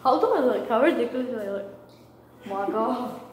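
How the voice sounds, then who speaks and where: A woman's voice: fairly high pitch, normal speed. A young woman filming a messy food challenge video at home, playful and bossy, laughing often. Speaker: vlogger. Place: indoors at home. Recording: echoey room from a distance, noisy.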